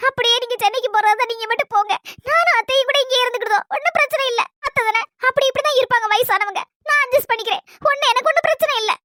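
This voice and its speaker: A woman voicing an earnest young village wife in a comic family skit, speaking with a Kanyakumari Tamil accent and a quick, emphatic manner. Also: very high-pitched, pushed and bright, dry recording. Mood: pleading.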